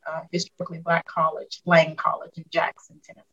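This fifties-aged Arkansas superintendent talks fast in a deep, breathy voice with a completely flat delivery, yet she comes across as a warm, reflective storyteller who leans on frequent fillers. It's a casual interview over a call about her life, and the recording is muffled.

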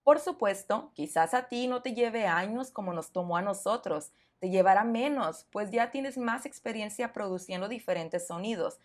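A woman's voice: mid-range voice, moderate pace, few pauses. A woman with a Mexican accent, teaching Spanish pronunciation on a podcast and enunciating each word carefully before repeating it.

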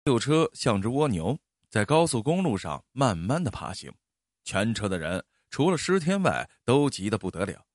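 A man narrating a story in an expressive, animated storytelling style. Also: on the low side, normal speed, no room sound, studio quality.

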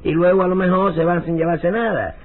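A man's voice: high voice, steady tone, brisk. An actor playing a fussy shopkeeper, griping about his customers in a vintage radio comedy. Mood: complaining. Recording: tinny lo-fi vintage radio recording.

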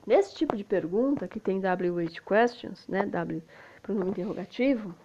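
A woman with a Brazilian Portuguese accent, a native Portuguese speaker, teaching English and slowly repeating example phrases, often adding "né?". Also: medium pitch, muffled recording, background noise. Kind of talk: slow explanatory lesson.

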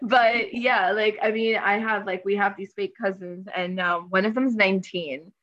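A woman's voice: medium pitch, steady tone, normal speed, a bit bright, highs cut off. A woman in her twenties chatting casually and expressively as a podcast co-host. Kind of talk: casual chat.

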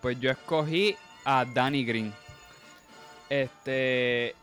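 A man's voice: medium pitch, drawn-out words, fairly bright tone, soft background music. A man with a Caribbean Spanish accent arguing a basketball debate as a panelist, reeling off statistics and mixing in English terms. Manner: stat-heavy, with English terms mixed in. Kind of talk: argumentative sports debate with statistics.

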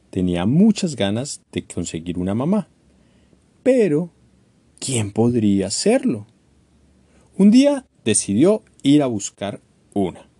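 A man reading a children's storybook aloud, expressive and animated. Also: fairly low pitch, slightly rough, no room sound.

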